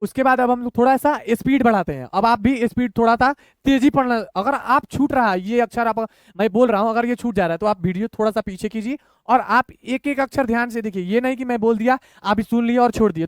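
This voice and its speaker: Male online teacher, very high and clear voice, dry close sound, patient syllable-by-syllable drilling. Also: no room sound. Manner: slow, patient, breaks words into syllables, repeats "thik hai". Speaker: Hindi reading teacher. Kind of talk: online lesson, syllable-by-syllable reading.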